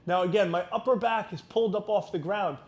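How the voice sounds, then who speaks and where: Man, high-pitched voice, fitness instructor, careful unhurried delivery, step-by-step exercise guidance. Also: darkish tone.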